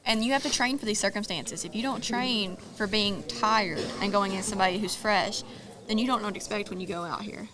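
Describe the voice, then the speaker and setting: A woman with a Southern American accent giving live play-by-play commentary on jiu-jitsu matches, quick to call what the fighters will do next. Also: mid-range voice. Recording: live event with crowd behind.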